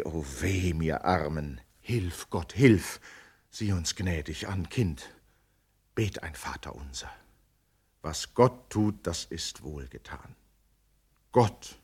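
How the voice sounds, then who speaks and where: A man voicing a pious, worried old mother in a dramatic poetry recitation, speaking in soft, hushed pleas. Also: mid-range voice, lively intonation, slow pace. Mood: pleading.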